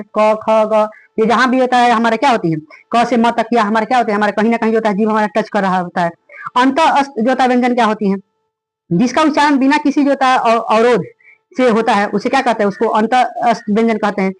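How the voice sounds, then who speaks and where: High-pitched quick Bihari-accented male teacher. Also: steady tone, no echo, low-quality recording. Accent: Bihari Hindi. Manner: rhetorical questions answered himself, heavy filler phrases. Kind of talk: exam revision lecture.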